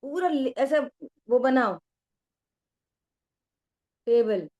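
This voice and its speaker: A woman's voice: high voice, lively intonation, drawn-out words, a little mellow. A middle-aged woman giving a religious discourse on scripture, telling a story and asking her listeners rhetorical questions. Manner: acts out quoted voices. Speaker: scripture teacher.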